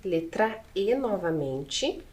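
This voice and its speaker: A woman's voice: mid-range voice, sing-song, slow pace, a little mellow. A Brazilian woman teacher with a Brazilian Portuguese accent, patiently spelling out letters and syllables one by one in a video lesson.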